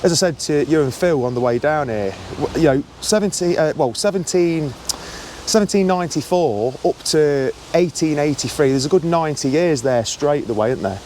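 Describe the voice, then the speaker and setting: A man's voice: on the high side, lively intonation, normal speed, dark tone, slight background noise. A man with an English East Midlands accent hosting a casual history vlog under a bridge, chatty and enthusiastic as a local guide. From Leicestershire, England. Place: outdoors beneath an old railway bridge.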